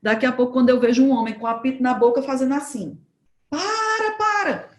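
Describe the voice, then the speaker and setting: A woman preaching at a church home group, telling a testimony as a lively story and acting out the dialogue. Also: on the high side, racing, echoey room. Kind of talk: sermon testimony told as a story.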